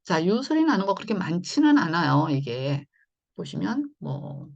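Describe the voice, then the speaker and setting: A woman teaching English phonics in an online lesson, explaining patiently and slowly with many fillers. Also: fairly low pitch, big pitch swings, vocal fry, a little mellow, muffled recording.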